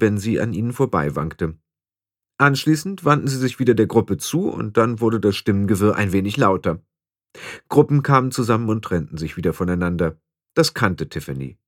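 A man narrating a storybook in an expressive, varied reading. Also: fairly low pitch, dry recording, studio quality. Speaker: audiobook narrator.

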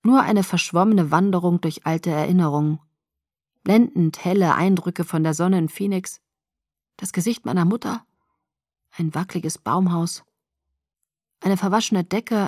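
Calm woman narrating an audiobook. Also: on the low side, unhurried, no echo, clean studio sound. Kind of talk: scripted first-person narration.

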